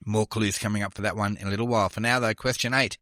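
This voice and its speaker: A man's voice: fairly low pitch, fairly even intonation, quick pace, fairly bright tone, no room sound. Man, trivia podcast host, chatty, self-deprecating, dry close sound.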